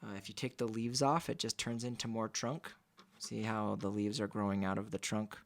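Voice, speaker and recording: A young man in casual vlog chat, talking in a goofy, deadpan way as a singer-songwriter between songs. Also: on the low side, normal speed, gravelly. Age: young adult.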